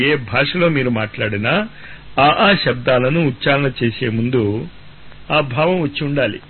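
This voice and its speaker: Man, spiritual teacher, slow drawn-out syllables, rhetorical questions, tinny phone-like radio, faint hiss. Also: medium pitch. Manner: asks rhetorical questions and answers them. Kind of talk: spiritual discourse.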